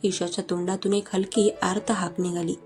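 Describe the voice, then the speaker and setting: Warm-voiced woman narrating a romance. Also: medium pitch, flat delivery, moderate pace. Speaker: storyteller. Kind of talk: scripted narration of a romance story. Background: soft music.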